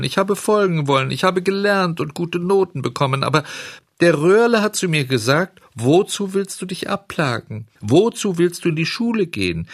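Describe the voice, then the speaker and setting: High whiny puppet boy , done by a man, desperate and sobbing, rough gravelly edge. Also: a bit bright, dry recording, clean studio sound, full character voice. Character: wailing wooden puppet boy, foolish and desperate. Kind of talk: storybook reading.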